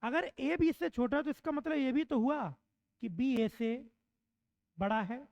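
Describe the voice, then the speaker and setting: High-pitched lady teaching a class, quizzes then answers herself, repeats stuff, dry dull recording. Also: expressive, creaky, a little mellow, dry recording. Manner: asks questions and answers them herself; repeats points slowly to drill them in. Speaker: exam-prep teacher. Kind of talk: online classroom lecture.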